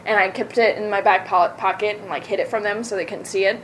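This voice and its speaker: A woman's voice: medium pitch, steady tone, fast, slight background noise, rough recording. A young woman from the American South, an actor chatting in an interview, talking loosely, correcting herself and laughing easily. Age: young adult. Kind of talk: casual interview.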